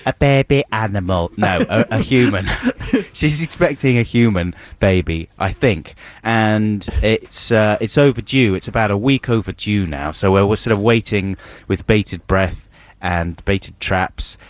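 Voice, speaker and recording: A man co-hosting a radio show, heard over a tinny, metallic remote line from a cupboard, joking in a dry, deadpan way. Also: on the low side, a little slow, hardly any pauses, dry recording. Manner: dry, deadpan jokey delivery. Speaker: radio co-host. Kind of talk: casual comic radio banter. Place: small cupboard, away from the studio. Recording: dull lo-fi remote audio line.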